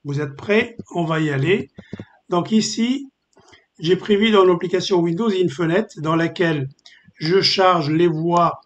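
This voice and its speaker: A man presenting a screen-recorded software tutorial, explaining step by step with frequent filler pauses. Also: high-pitched, dull audio. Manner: hesitant, many filler pauses.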